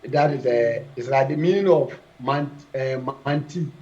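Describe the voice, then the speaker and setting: This man's mid-range voice has a dark tone as he leads a class through French verbs. Drilling conjugations slowly and repetitively, he quizzes the students, captured on a dull lo-fi classroom recording.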